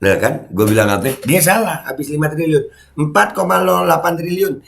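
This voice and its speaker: A middle-aged man, heated and mocking, ranting as a commentary YouTuber and shouting when angry. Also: fairly high pitch, a little fast, creaky.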